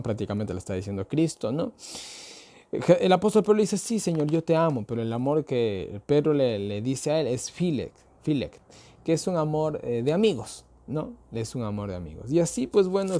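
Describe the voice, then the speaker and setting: A man's voice: mid-range voice, warm tone. A man from Ecuador giving a casual Bible study talk. He explains in a conversational way, speaks straight to his listeners, and often stops on tag questions, filler words and restarts. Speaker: Bible teacher.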